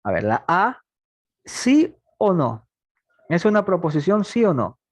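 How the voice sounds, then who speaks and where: In an online lecture, a twenty-something man teaches math logic a little slowly, his high voice swinging widely in pitch, with no room sound. He poses questions to students, answers them patiently himself, repeats key points and keeps his language plain.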